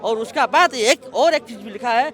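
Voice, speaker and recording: A young man with a high, bright voice earnestly lays out his case to a reporter. He speaks steadily and explains point by point, standing among protesters outdoors. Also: lively intonation, normal speed. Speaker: student protester.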